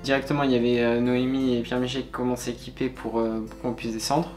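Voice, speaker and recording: A man's voice: medium pitch, little pitch movement, quick pace. A man recounting an outing casually, in loose colloquial phrases. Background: soft guitar music.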